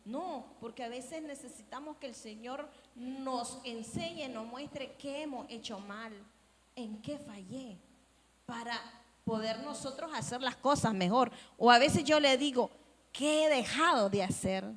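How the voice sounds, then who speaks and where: A woman's voice: a little high, unhurried. A woman from the congregation, speaking reflectively into a passed microphone during a church Bible study. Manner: reflective, earnest, some restarts. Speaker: congregation member. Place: church hall. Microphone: handheld microphone passed to her. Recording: echoey church hall with faint background noise.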